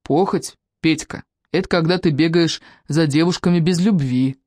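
A woman's voice: low-pitched, normal speed, darkish tone, dry recording, studio quality. A woman voicing an elderly former army officer, fatherly and authoritative. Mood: instructive.

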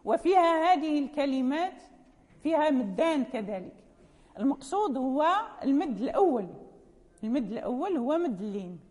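A woman's voice: high-pitched, very animated, normal speed, warm tone. A woman teaching a lecture on recitation rules, patiently explaining, repeating key terms and checking that her students follow. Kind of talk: classroom lecture. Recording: long hall reverb.

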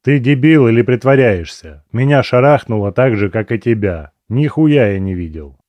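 A man's voice: mid-range voice, animated, moderate pace, darkish tone, no echo, natural voice. A man reading an audiobook, voicing a crude, irritable male captive who swears and scoffs. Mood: scornful. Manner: swearing, scornful.

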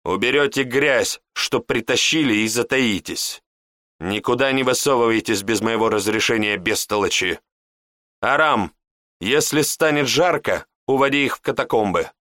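A man's voice: medium pitch, normal speed, pushed and bright, no room sound, studio quality, close to an everyday voice. A man doing a sneering mage master. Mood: commanding. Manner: sneering, commanding. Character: harsh scornful male mage teacher.

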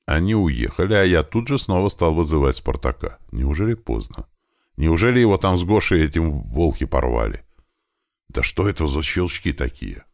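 A man narrating a first-person audiobook with steady storytelling. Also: a bass voice, moderate pace, no room sound, studio quality. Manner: steady storytelling with lively shifts.

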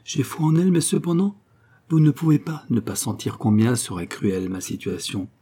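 A man's voice: mid-range voice, big pitch swings, moderate pace, dark tone, husky. A man reading an anxious young male suitor. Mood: troubled.

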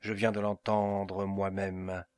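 Startled questioning guest, read by a man, low voice, audiobook. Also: completely flat delivery, slow, a little mellow, smooth, dry recording.

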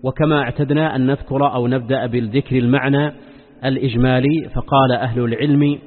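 A man giving a religious lesson in formal standard Arabic as a teacher, deliberate and given to repeating his phrases. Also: mid-range voice, steady tone. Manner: deliberate, repeats phrases and poses rhetorical questions. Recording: long hall reverb, dull muffled sound.

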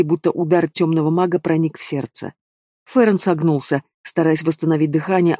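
A man's voice: fairly high pitch, darkish tone, no echo, studio quality. A man reading a fantasy novel aloud as an audiobook narrator, voicing the dialogue with little change of character. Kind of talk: scripted narration.

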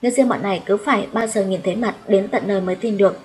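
A blunt, businesslike older sister who runs a guesthouse, read out by a woman narrator. She speaks plainly and a little louder than the surrounding audiobook narration. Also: mid-range voice, quick pace, close to an everyday voice.

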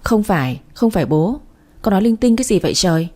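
A woman's voice: medium pitch, big pitch swings, quick pace, warm tone. A woman voicing a stern, gullible middle-aged father who speaks bluntly in a storybook reading.

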